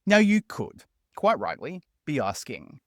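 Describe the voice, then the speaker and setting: A tutorial host, male, narrates a building walkthrough in a cheerful, talkative voice-over with huge swings in pitch. He speaks a little slowly, and the audio is dry and close-miked with no room sound at all.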